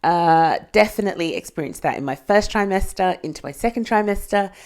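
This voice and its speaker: A woman's voice: lowish voice, lively intonation, brisk, a little mellow. A young British woman, pregnant and often out of breath, candidly chatting to camera in a casual vlog. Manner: chatty, candid, with frequent fillers. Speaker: vlogger.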